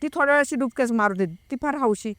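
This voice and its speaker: Female guest, casual storyteller, clean smooth tone, dry close sound, hesitant recall. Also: high voice, a bit bright, no room sound. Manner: hesitant, pauses often to recall details; reenacts a friend's frightened words. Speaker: guest recounting a personal experience. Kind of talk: casual first-person storytelling.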